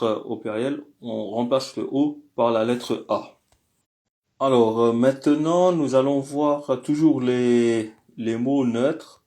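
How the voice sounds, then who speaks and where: A man teaching a language lesson in a hesitant way, with many fillers and slow, careful pronunciation drills. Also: medium pitch, a little mellow.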